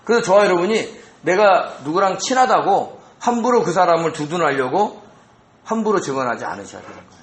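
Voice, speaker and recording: A male pastor preaching an expository sermon in a church, animated and asking the congregation rhetorical questions. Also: high-pitched, a little fast. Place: church sanctuary. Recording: roomy echo.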